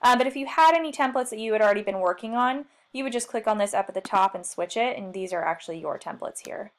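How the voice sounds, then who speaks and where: A woman working as a marketing trainer leads a screen-share software tutorial, speaking quickly at a medium pitch with lively intonation. She is chatty and self-deprecating, thinking aloud as she clicks through.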